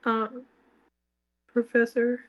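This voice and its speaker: A woman on a video call, her voice sounding faint and far off through the connection. She speaks a little high and the sound is dry, with no room echo. As host of a group discussion, she calls on speakers and checks that they can hear her. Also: monotone, takes it slowly, highs cut off. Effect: voice heard over a video call, distant.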